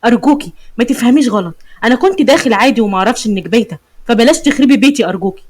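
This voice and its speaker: A woman voicing a nervous man who begs in a hushed whisper, with an Egyptian accent. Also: a little high, expressive, racing. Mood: pleading. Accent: Egyptian Arabic. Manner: pleading, hushed.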